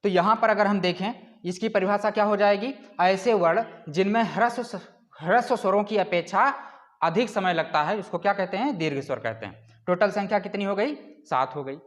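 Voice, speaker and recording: A man with a high voice speaks at a normal speed while teaching a class. He explains through rhetorical questions and draws out sounds to demonstrate them, in the manner of a classroom lecture.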